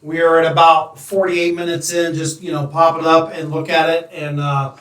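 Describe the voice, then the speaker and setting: A male host addresses his viewers directly and in a friendly way. His voice is high for a man. He sounds set back from the mic in an echoey room. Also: little pitch movement, moderate pace, fairly bright tone, distant mic. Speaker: podcast host. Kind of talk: casual interview hosting.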